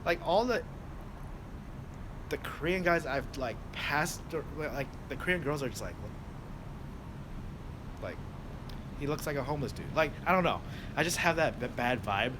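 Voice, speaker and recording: A young American man who works as a delivery driver chats loosely with his livestream viewers, answering them with lots of fillers and restarts. His voice is on the high side and expressive, at normal speed with long pauses, and traffic and street noise fill the noisy outdoor background.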